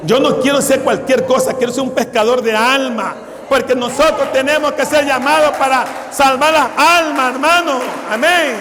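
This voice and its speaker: High-voiced pastor in his sixties. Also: fairly even intonation, moderate pace, a crowd in the background. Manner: fervent preaching, addresses listeners as brother; tells stories with quoted dialogue. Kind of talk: sermon. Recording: long hall reverb.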